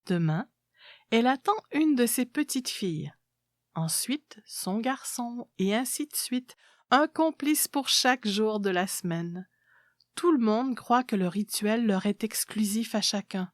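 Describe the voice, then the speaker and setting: A woman's voice: fairly high pitch, animated, unhurried, no echo, clean studio sound. A woman reading a literary story aloud as a scripted narration.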